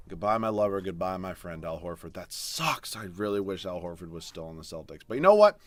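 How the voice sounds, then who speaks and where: A young man casually commentating his basketball video game as he plays, swinging from low mutters to loud swearing outbursts. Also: fairly even intonation, normal speed, no room sound. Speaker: gaming streamer.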